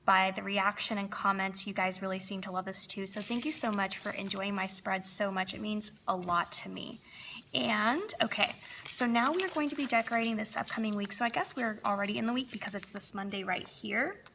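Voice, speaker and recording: Narrating her planner decorating for a plan-with-me video, this young vlogger has a slightly froggy, medium-pitched voice with a bright, forceful tone. She talks fairly quickly, upbeat and chatty, filling her speech with fillers, over a little hiss or hum.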